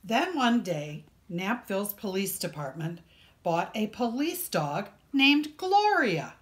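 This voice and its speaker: Speaking in a mid-range voice, a woman plays librarian and reads a picture book to a young audience. Her storytelling is expressive, and she punches key words with deliberate drama.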